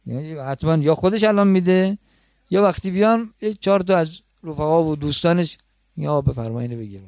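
Mellow-voiced male preacher telling a story. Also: high voice, no echo, studio quality. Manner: conversational, addresses listeners as friends. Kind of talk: storytelling sermon.

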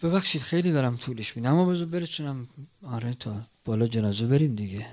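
Preacher, swinging loud to hushed. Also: male voice, medium pitch. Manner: swings between loud cries and hushed near-whispers, tearful chant. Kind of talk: mourning sermon.

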